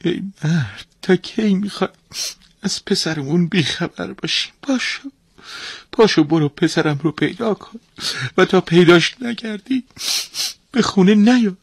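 A man's voice: high-pitched, lively intonation, breathy edge, dry recording, pitched above the performer's own voice, full character voice. A man voicing a grieving mother who pleads insistently with her husband. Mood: pleading.

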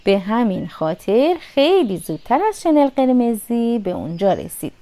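A woman reads a children's fairy tale aloud in a lively, sing-song way. Her voice sits a bit higher and swoops expressively as she tells it. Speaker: storyteller. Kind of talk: storybook narration.

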